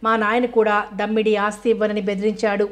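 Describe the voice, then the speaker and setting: A woman voicing a fierce older woman who scolds and accuses in an audio novel, in a flat, level tone. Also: medium pitch, fairly quick, close to an everyday voice. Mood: bitter.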